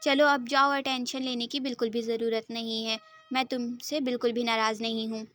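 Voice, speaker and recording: A woman's voice: on the high side, flat delivery, normal speed, close to an everyday voice. Woman playing a doting, forgiving mother. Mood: soothing, teasing. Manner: warm, soothing reassurance.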